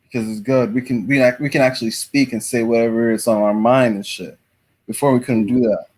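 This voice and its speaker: A man's voice: mid-range voice, steady tone, brisk, a little mellow. A man in his twenties from Iraq, a guest in a casual chat, blunt and slangy. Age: 20s.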